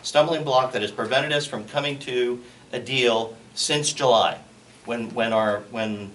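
A man on a school board addresses a public meeting carefully, halting and repeating words as he searches for phrasing. His mid-range voice is picked up from some distance, with faint noise behind it. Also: mid-range voice, fairly bright tone.

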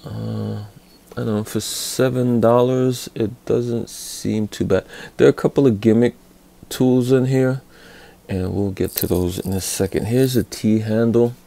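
A man's voice: medium pitch, steady tone, unhurried, creaky, dark tone. A man casually reviewing a set of hand tools, speaking hesitantly with many fillers and restarts. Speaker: tool reviewer. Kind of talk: casual hands-on product review.

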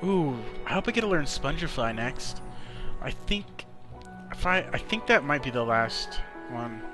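A man's voice: mid-range voice, big pitch swings, a little slow. A man giving casual, rambling gameplay commentary in blunt, slangy, sweary language. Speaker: video game player commentator. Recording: game music under the voice. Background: video game music.

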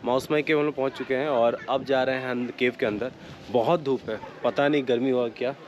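Walking outside and into a limestone cave, a man vlogs his travels in a chatty, casual way, mixing in excited English exclamations. His mid-range voice moves a little fast, and the recording is dull with slight background noise.

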